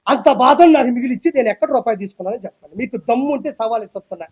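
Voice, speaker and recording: A man, ranting loudly and emphatically as a guest in a heated political interview. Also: extremely high pitch, expressive, very fast, husky. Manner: loud, emphatic, repetitive ranting.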